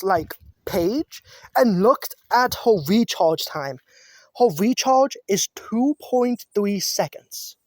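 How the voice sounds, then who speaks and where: A woman's voice: medium pitch, a little mellow, no echo. A woman talking outdoors in a casual chat about game balance, chatty and often stumbling and restarting her words. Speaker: gamer giving balance ideas.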